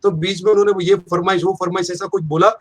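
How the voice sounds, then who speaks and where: Middle-aged male anchor, humorous storyteller, slightly raised pitch. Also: steady tone, quick pace. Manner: storytelling, self-deprecating humor. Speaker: event anchor. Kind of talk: casual panel chat.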